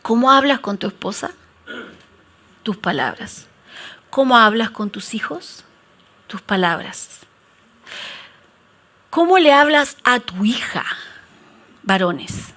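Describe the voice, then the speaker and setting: A woman's voice: fairly high pitch, slow pace, pauses often. A woman pastor with a Chilean accent, telling stories in a sermon and joking with the congregation. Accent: Chilean Spanish. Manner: lively, joking storyteller.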